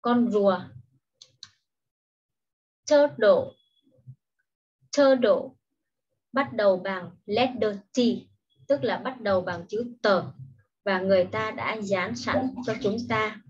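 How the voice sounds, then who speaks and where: Patiently and very slowly, a primary school English teacher runs an online lesson for young children. Each word is explained first, then said carefully in English, often a second time, in her slightly husky, fairly high voice, captured on a dull, lo-fi recording.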